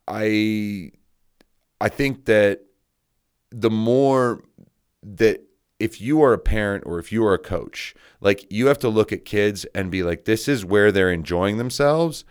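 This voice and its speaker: A man's voice: on the low side, clean tone. A man coaching youth sports, giving an earnest, emphatic solo podcast rant with words repeated for stress.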